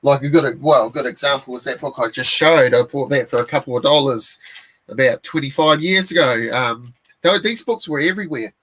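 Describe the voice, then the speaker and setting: This forties-aged comic collector from New Zealand talks fairly quickly at a medium pitch. He rambles casually on his live stream, restarting sentences and leaning on fillers.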